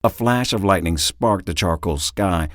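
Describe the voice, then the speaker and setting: A man reading an audiobook in dramatic, expressive storytelling, close to the mic. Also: sits low, unhurried, dry recording. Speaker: audiobook narrator. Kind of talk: scripted audiobook narration.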